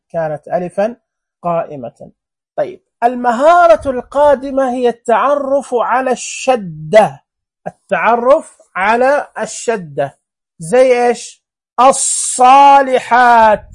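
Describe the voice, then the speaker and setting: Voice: mid-range voice, a little mellow. Patient teacher drilling examples. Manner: slow, repeats words and drills examples. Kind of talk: classroom grammar lesson.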